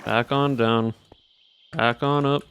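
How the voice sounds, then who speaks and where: A man puts on a Southern American accent while casually talking through his gameplay livestream, letting a slack drawl pull out the ends of his lines. He speaks slowly and steadily at medium pitch with a slightly bright tone, over a bit of hiss or hum.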